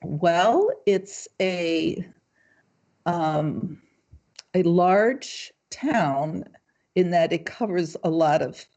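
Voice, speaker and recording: An older woman answering interview questions in a measured, thoughtful way, pausing often with ums. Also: fairly low pitch, a little mellow, lo-fi sound. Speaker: guest, local party committee chair. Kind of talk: casual livestream interview.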